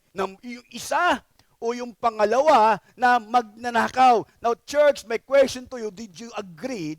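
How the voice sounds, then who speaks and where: A male pastor with a very high, light voice delivers an emphatic sermon. He keeps checking in with his listeners as he goes. The sound is close and dry, with almost no room around it. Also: dry recording. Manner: emphatic, checks in with the congregation often.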